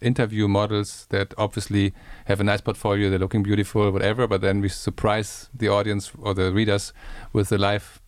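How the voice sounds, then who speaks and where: A man from Germany hosting a podcast in casual chat, talking haltingly with fillers and restarts. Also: lowish voice, little pitch movement, dry recording. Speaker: podcast host.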